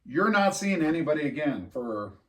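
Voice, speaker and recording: A man's voice: a little high, big pitch swings, normal speed, fairly bright tone, recorded from a distance. A man co-hosting a podcast in casual chat, rambling and laughing at his own jokes. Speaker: podcast co-host.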